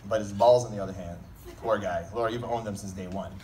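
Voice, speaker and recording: A man's voice: fairly low pitch, steady tone, fast, darkish tone. Man giving a teasing toast, distant noisy recording. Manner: joking, teasing, informal. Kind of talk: comedic wedding speech.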